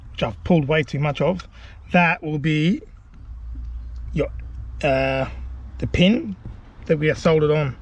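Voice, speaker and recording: A man with a fairly high voice, captured on dull-sounding audio, walks his viewers through installing something in a car. The vlogger keeps it laid-back and colloquial, joking at his own expense as he works hands-on.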